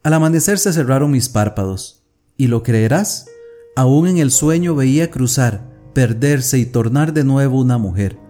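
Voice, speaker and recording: A feverish, brooding young woman consumed by obsession, as a male reader puts her on. She speaks in a dark, mellow tone at an even pitch, with soft instrumental music behind the storybook reading. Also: moderate pace, lightly acted. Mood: tormented. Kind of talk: audiobook reading of a classic tale.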